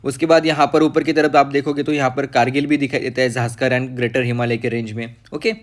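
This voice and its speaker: A man teaching geography from a map for exam students, pausing with fillers and saying "okay" after nearly every point. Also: medium pitch, flat delivery. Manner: repeats "okay" after nearly every point, mixing English terms into Hindi; pauses with fillers and self-corrections while reading the map. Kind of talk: map-based lecture.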